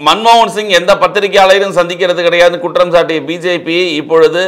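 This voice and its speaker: A man's voice: high-pitched, level tone, fast talker, fairly bright tone. A man interviewing a political guest, cutting in with counterpoints and frequent false starts.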